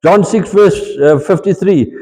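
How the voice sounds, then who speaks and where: High-voiced South African preacher in a reverberant hall. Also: male voice, unhurried. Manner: switches between English and Afrikaans mid-sentence, animated. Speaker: pastor. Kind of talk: sermon. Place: church.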